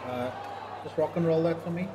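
Man, TV umpire, calm procedural instructions, slightly high voice, echoey, noisy feed. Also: a little fast, crowd noise. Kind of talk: match officials' radio talk.

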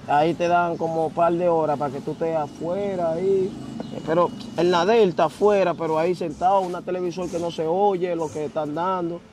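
Animated man telling his story. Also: on the high side, a little hiss or hum. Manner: animated, slangy, repeats filler words. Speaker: interview guest. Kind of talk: casual storytelling.

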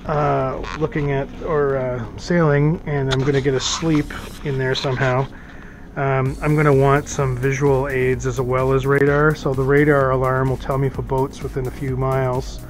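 A man's voice: medium pitch, little pitch movement, moderate pace. A middle-aged man casually unboxing boat gear in a small office, thinking aloud with lots of fillers, recorded on a head-mounted camera. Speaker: boating vlogger.

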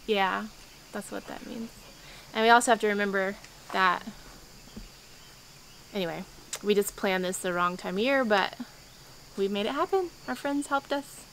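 A woman's voice: mid-range voice, moderate pace, vocal fry, pauses often, fairly bright tone, a little hiss or hum, low-quality recording. A woman in her thirties chatting on a family homestead vlog, upbeat and thankful, filmed on a handheld camera indoors and out. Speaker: homesteading vlogger. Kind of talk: casual family vlog chat. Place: outdoors and in a beach house kitchen.

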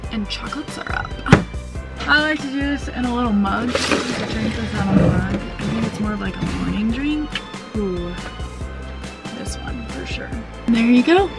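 A young woman vlogging at a forest campsite, chatting casually with laughs and light swearing. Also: on the high side. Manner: giggly, laid-back, swears casually. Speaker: van-life vlogger. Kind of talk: casual vlog chat. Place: outdoors at a forest campsite by a van. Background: music.

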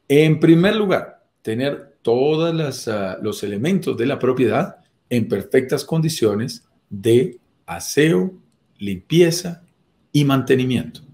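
A middle-aged man presents property business topics in a live online video, speaking at medium pitch with a warm, instructive explainer style. He's didactic, repeating key phrases and asking rhetorical questions. He's indoors in a small room or home office.

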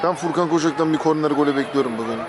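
A man's voice: a little high, racing. A man giving casual, partisan football commentary outdoors, urging the players on with colloquial exclamations. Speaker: co-commentator cheering on his team. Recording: loud crowd and outdoor noise.

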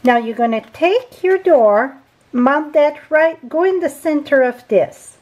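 A woman's voice: high-pitched, expressive, slow pace, darkish tone, muffled recording. A woman with a French accent giving a chatty, unscripted card-making tutorial at a craft table, correcting herself as she goes. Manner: chatty, unscripted, with small grammar slips and self-corrections.

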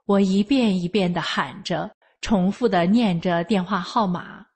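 A woman narrating a first-person story in an earnest, steady manner. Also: medium pitch, a little slow, husky.

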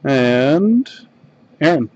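A Canadian box break host sits at a desk in a home card room, casually commenting on a live-stream card break. He's unhurried, mumbling card names as he opens packs in an easygoing way. His mid-range voice is very animated and darkish, and the highs are cut off.

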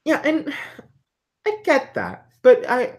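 Speaking slowly in a high, expressive voice, this female livestream guest works through her ideas with frequent fillers and false starts. She is an artist and philosophy tutor taking part in a livestream conversation.

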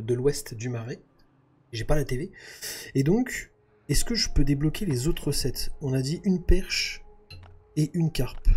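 A man's voice: medium pitch, a little mellow, husky. A man chatting casually through gameplay, thinking aloud with lots of fillers. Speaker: gaming YouTuber.

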